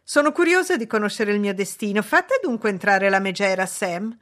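A woman voicing a haughty, imperious young noblewoman in a read-aloud novel, with a raised, loud and commanding delivery. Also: medium pitch, sing-song, normal speed.

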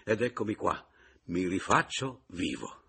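Man doing a wry ironic man, audiobook, husky low voice, agitated outbursts. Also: sing-song, pushed and bright, soft background music, exaggerated voice. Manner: ironic, agitated, quick to laugh bitterly. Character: bitter, wry man back from supposed death. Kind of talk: audiobook reading.

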